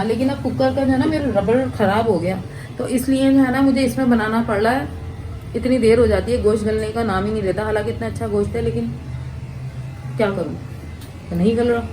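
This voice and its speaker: A woman's voice: a little high, noisy background. A woman in her thirties, a mother, chatting casually to the camera about her day. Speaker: vlogger, mother. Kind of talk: casual home vlog chat.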